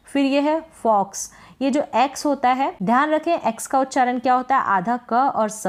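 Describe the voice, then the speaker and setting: A woman's voice: on the high side, a little mellow. A woman teaching English pronunciation. She asks short questions and answers them herself, repeating each word. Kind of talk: pronunciation lesson.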